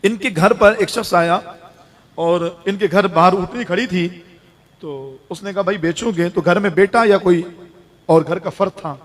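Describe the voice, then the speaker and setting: A man preaching a sermon, telling stories lively, acting out everyday characters and laughing lightly between points. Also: high-pitched. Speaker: Islamic preacher. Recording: long reverb of a large hall.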